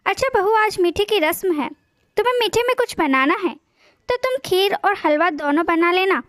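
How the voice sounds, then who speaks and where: A woman voicing a gentle mother-in-law. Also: very high-pitched, normal speed, no room sound, clean studio sound. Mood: kind. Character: kind caring older mother-in-law.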